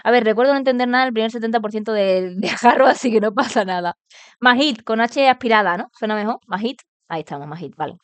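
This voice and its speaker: A woman with a Spain Spanish accent hosts a book club livestream, reading a novel aloud into a streaming mic. Her voice is on the high side, smooth and quick with few pauses and no echo. She stays steady while reading, corrects her own slips and drops into slangy, laughing asides.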